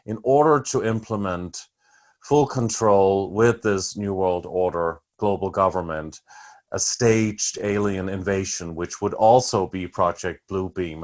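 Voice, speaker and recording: A male host asking long, winding interview questions, restarting often. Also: low-pitched.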